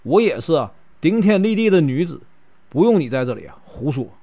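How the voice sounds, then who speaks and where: A man voicing a proud, sharp-tongued young woman who scolds in a raised voice. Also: on the high side, lively intonation, unhurried. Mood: indignant.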